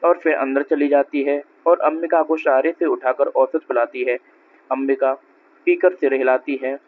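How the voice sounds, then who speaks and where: A man's voice: mid-range voice, fairly even intonation, moderate pace. Man reading a play over a tinny line. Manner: reads every character's lines in his own voice, announcing each speaker. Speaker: reader of a play. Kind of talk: reading a stage play aloud with stage directions. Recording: tinny narrow-band recording with faint noise.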